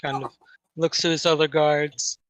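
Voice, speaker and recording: Bright-voiced male game master. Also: a little high, level tone, normal speed, no echo, low-quality recording. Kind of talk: improvised tabletop game narration.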